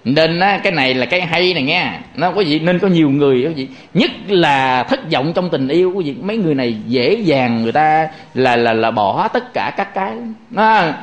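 A man's voice: fairly high pitch, expressive, brisk. A male Buddhist monk gives a conversational sermon, his voice sitting well above the usual male range. He jokes freely and keeps turning to the listeners to draw them in. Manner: chatty and joking, constantly addressing the audience. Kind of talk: conversational sermon to lay followers.

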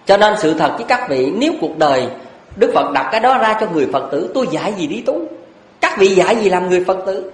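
A man's voice: high-pitched, lively intonation, fast talker. Give me a male monk preaching earnestly, voice echoing in a hall. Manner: earnest, blunt, emphatic with rhetorical questions. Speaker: Buddhist monk. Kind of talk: dharma talk. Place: lecture hall. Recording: echoey hall.

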